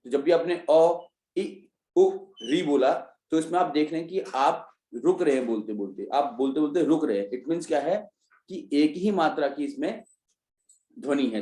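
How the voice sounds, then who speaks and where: A Hindi teacher leads an online revision class for remote students, explaining things step by step and answering his own questions. His voice is medium-pitched and dark, with a roomy sound.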